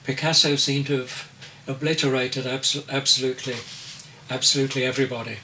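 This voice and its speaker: A man in his eighties, an artist answering interview questions in a slow, deliberate way as he searches for his words. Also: medium pitch, flat delivery, pushed and bright. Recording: distant mic with faint noise.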